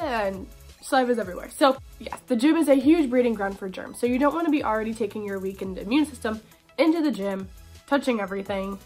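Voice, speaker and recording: A young woman vlogger with a stuffy, congested voice that is starting to go, giving casual fitness advice and saying "you know" and "like" a lot. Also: medium pitch. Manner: chatty, full of "you know" and "like". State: congested, voice going. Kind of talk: casual talking-head advice.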